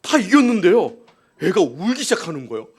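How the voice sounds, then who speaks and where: Korean pastor guy preaching, highish voice, swings all over, lots of rhetorical questions. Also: big pitch swings, brisk, husky. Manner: storytelling with acted quotes and rhetorical questions. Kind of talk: sermon. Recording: live church service.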